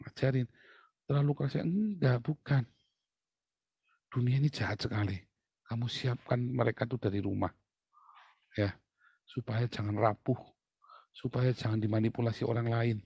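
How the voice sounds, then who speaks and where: Blunt, husky-voiced male pastor preaching. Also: mid-range voice, normal speed, pauses often, dry recording, poor audio. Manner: blunt, animated, jokes and laughs with the congregation. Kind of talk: sermon.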